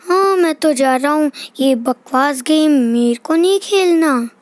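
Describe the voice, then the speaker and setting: A woman voicing a chatty, bossy young girl in a toy doll play, in a slow sing-song childlike way. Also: high voice, no room sound.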